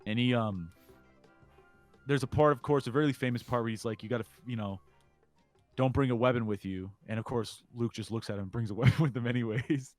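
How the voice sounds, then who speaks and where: A podcast co-host with a medium-pitched voice recaps a film in casual, rambling chat over soft background music. He acts out the characters' lines in quick impressions.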